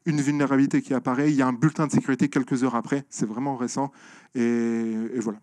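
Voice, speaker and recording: A man speaking at a conference, answering audience questions with many pauses and restarts. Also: medium pitch, little pitch movement, darkish tone, no room sound. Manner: hesitant, many fillers and restarts, explanatory. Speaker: conference speaker on software security. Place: lecture room.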